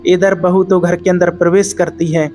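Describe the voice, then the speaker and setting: A man's voice: high-pitched, little pitch movement, warm tone. Male preacher telling a moral tale. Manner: measured, repetitive moral storytelling. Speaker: spiritual preacher. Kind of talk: spiritual storytelling discourse.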